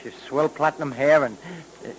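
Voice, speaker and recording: A man voicing a breezy young sidekick cop in an old-time radio drama, with a slightly raised voice and a chatty, slangy, excitable manner. A faint hiss sits under the old broadcast. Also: on the high side, a little fast, close to an everyday voice, low-quality recording. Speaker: police partner of the detective. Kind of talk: 1940s radio drama acting.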